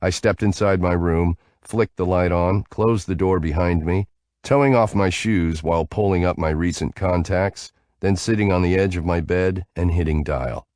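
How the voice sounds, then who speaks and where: A man narrating a first-person audiobook in a calm, even storytelling manner, close to the mic. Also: low-pitched, normal speed, no room sound.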